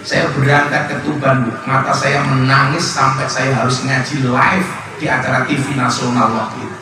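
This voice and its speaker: Preacher in an echoey hall. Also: male voice, medium pitch, little pitch movement, normal speed, crowd noise. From Indonesia. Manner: emotional, rising to impassioned pleas. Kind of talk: sermon storytelling. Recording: echoey, distant mic with noise.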